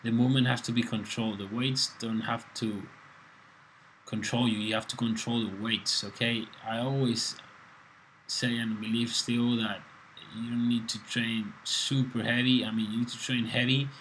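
Speaking flatly at a moderate pace with a medium, slightly bright voice, a man from Spain delivers a casual fitness voice-over on a close mic. This coach swears plenty and jokes around in relaxed banter, over slight background noise and poor audio quality.

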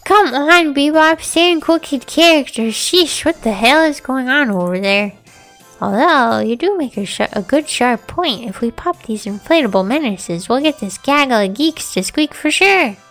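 A woman's voice: sits high, expressive, normal speed, fairly bright tone, faint music behind. A woman voicing a sassy, scheming cool-kid bully girl, bossy and sardonic, in a game read-through.

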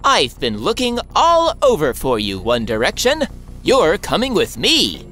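A sinister robot train conductor from a cartoon, as a man puts him on, drawling each threat slowly while his pitch leaps wildly. The tone is bright and sharp, with faint music underneath. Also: huge pitch swings, heavily acted. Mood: threatening. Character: menacing male train conductor henchman robot. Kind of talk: cartoon voice acting.

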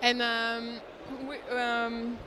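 A woman's voice: a little high, completely flat delivery, drawn-out words, noisy background. A woman interviewing a guest at a conference, asking friendly questions with many halts, into a handheld mic. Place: conference booth indoors.

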